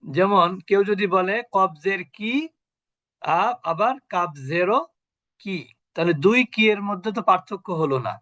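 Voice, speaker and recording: A man's voice: high voice, sharp tone, dry recording. Man teaching recitation over muffled call. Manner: patient, drills syllables slowly and repeats them. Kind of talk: online tajweed lesson. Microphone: video call. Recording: muffled lo-fi video call audio.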